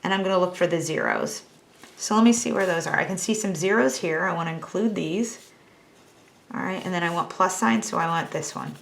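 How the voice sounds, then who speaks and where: A woman's voice: fairly low pitch, a little fast, vocal fry, a little hiss or hum. A woman teaching a math lesson, talking through each step on a calculator in a chatty, self-teasing way.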